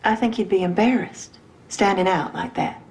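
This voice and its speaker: A woman's voice: medium pitch, steady tone, normal speed, darkish tone, slightly rough, lightly acted. A woman acting in a TV drama as a guarded, possessive mother who is defensive about her boy. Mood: polite, evasive. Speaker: actor in a TV film.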